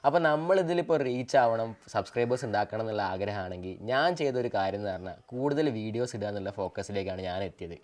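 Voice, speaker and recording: A man's voice: on the low side, animated, quick pace, hardly any pauses, a little mellow. A man hosting his family vlog, chatting and quizzing family members about acting. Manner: chatty, interviewing family members, advice to creators. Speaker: family vlog channel host. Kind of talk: casual family vlog chat.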